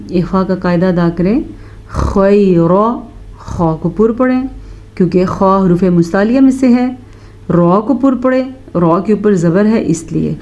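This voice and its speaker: A woman teaches Quran recitation, going through the rules and turning to her students with questions. Her voice is warm and mellow. The recording sounds a little dull and muffled. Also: mid-range voice. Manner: explains rules, then recites verses slowly and drawn out; addresses students directly. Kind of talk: recitation lesson.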